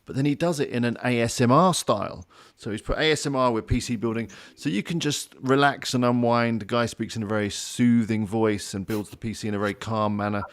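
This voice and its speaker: A man with a gravelly, creaky voice of medium pitch hosts a casual online chat. He talks in an easygoing, conversational manner to his guests. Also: fairly quick, few pauses. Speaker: livestream host. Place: remote group call.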